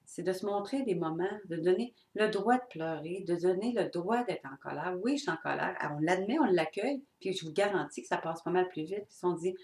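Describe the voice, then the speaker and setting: A woman's voice: on the low side, expressive, a little fast, few pauses, darkish tone. Earnest Québécois woman, echoey room. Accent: Québécois French. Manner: blunt and earnest, with swearing and mimicked voices. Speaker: personal growth speaker. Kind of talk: unscripted heartfelt talk to viewers.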